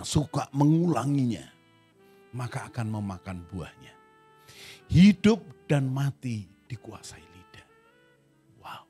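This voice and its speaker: A man giving a family teaching talk, slow and emphatic, repeating his key phrases. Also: mid-range voice, dark tone, husky.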